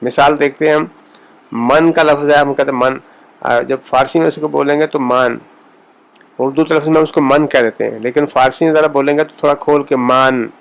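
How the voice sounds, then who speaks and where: A man's voice: on the high side, fairly even intonation, vocal fry, low-quality recording. Man teaching pronunciation, repeating example words. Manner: slow, repeats example words to model sounds. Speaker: language teacher. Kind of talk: pronunciation lesson.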